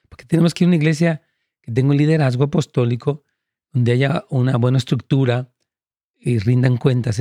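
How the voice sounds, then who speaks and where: A man's voice: medium pitch, mellow, slightly rough, dry recording. Dry-voiced pastor man, earnest and emphatic. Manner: earnest, laughs easily, stresses points emphatically. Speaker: pastor answering viewer questions. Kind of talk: live question-and-answer talk.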